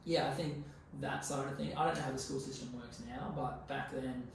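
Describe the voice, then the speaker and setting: A man's voice: medium pitch, steady tone, normal speed, creaky. A man in his twenties with an Australian accent chats casually as an interview guest, in a laid-back, slangy, sweary way. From Queensland, Australia. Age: 20s. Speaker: podcast guest. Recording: very echoey, distant mic, noisy room.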